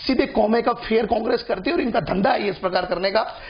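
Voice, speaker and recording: A man's voice: high voice, quick pace. A man speaking as a party spokesman in a heated TV political debate, talking over his opponents and repeating his points. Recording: dull lo-fi broadcast audio.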